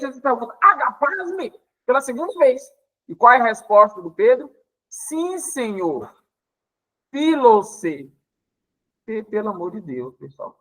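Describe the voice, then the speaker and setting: High-voiced man teaching, Pará accent. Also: rough recording. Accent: Paraense Brazilian Portuguese. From Pará, Brazil. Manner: explanatory, with frequent "tá?" check-ins; lively, acting out dialogue with playful exasperation. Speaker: Bible teacher. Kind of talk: Bible lesson explaining Greek words.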